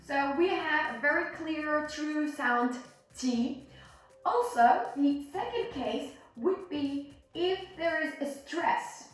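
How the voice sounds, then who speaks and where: High-voiced woman teacher, very echoey room. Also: animated, takes it slowly. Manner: demonstrates words and sounds, checks understanding with short questions. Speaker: pronunciation teacher. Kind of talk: instructional lesson on American English sounds. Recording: very roomy echo, distant mic, faint music.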